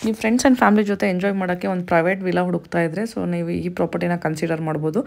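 A woman vlogger giving a brisk, promotional voice-over summary. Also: lowish voice, fairly even intonation, vocal fry, darkish tone. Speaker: travel vlogger. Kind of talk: recorded voice-over pitch.

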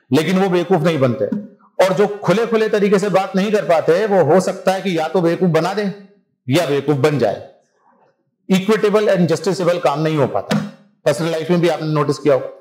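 A man's voice: high-pitched, darkish tone, echoey room, low-quality recording. A man teaching a civil services exam class in a conversational lecture style, often checking that his students follow him.

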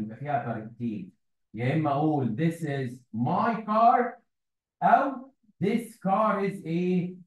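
A man's voice: on the high side, a little mellow. A man with an Egyptian Arabic accent teaching an English grammar class online, patiently explaining and quizzing his students. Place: classroom at a whiteboard. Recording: echoey room, far from mic.

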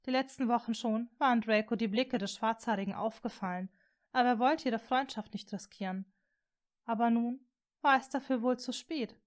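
A woman reading a fan fiction story aloud as an audiobook, in a calm, steady way. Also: fairly high pitch, moderate pace. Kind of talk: audiobook narration.

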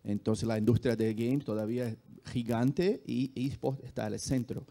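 A man from Brazil with a Brazilian accent, a native Portuguese speaker answering on a panel, haltingly searching for words. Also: mid-range voice, gravelly, dark tone. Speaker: esports executive, panelist. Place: large auditorium stage, indoors. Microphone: handheld microphone.

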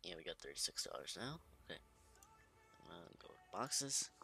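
A man hosting casual gameplay commentary at home late at night, talking quietly and half-whispering into a close microphone. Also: low-pitched, big pitch swings, moderate pace, gravelly, faint music behind. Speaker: gaming channel host. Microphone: desk microphone close to the mouth.

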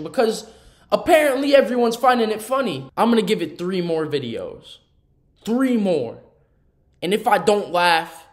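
A young man giving casual reaction commentary in a slangy, exasperated, ranting way. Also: sits high. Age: young adult. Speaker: host of a reaction channel. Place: small room indoors.

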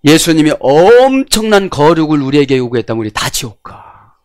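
A man preaching in an animated way. His voice sits fairly high and leaps up and down as he moves from emphatic shouts to low, confiding remarks. The sound is dry and close, with no room echo. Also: normal speed. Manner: animated preaching, swinging between loud exclamations and low asides. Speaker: pastor. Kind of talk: sermon.

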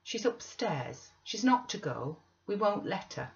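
A woman's voice: mid-range voice, sing-song, unhurried, gravelly, voice pushed up. Woman as selfish sickly youth, petulant, whining, storybook character, slightly muffled recording. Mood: sulky, spiteful. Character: sickly, selfish, peevish teenage boy. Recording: slightly dull webcam audio.

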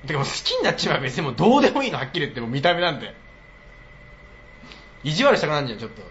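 On a live stream, a man chats casually in a bright, forceful voice whose sing-song pitch swoops wildly up and down at a rapid-fire clip. He's blunt and teasing and laughs often, and the audio is slightly muffled and lo-fi with a little hiss or hum.

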